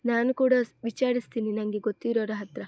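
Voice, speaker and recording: A woman's voice: on the high side, steady tone, brisk, warm tone, no room sound, close to an everyday voice. A woman voicing a caring young female friend who comforts and reassures. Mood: gentle.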